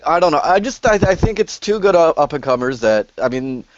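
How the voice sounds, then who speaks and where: A young man co-hosting a podcast in a mid-pitched voice, opinionated and teasing. The sound is dry and a bit dull, as if recorded at home. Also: very animated, brisk, no room sound. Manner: opinionated, teasing, trash-talking. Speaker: podcast co-host. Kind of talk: casual podcast banter.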